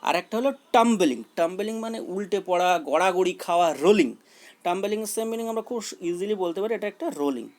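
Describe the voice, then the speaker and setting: A man's voice: high-pitched, animated, brisk, darkish tone. A man teaching a school English poem, repeating key words and mixing English terms into his explanation.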